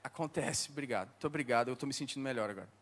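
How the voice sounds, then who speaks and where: A man's voice: mid-range voice, rapid-fire, a bit bright. A man preaching in a casual storytelling way, mocking himself as he recounts an anecdote. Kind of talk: storytelling sermon.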